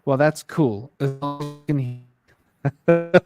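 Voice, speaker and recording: A man's voice: on the high side, takes it slowly, loud music behind the voice. A man on a live video call rambling in a casual panel chat while his voice glitches and cuts in and out over a bad internet connection. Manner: rambling, speculative, full of restarts. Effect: voice glitching, cutting in and out over a bad internet connection. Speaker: panel guest. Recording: choppy video call audio.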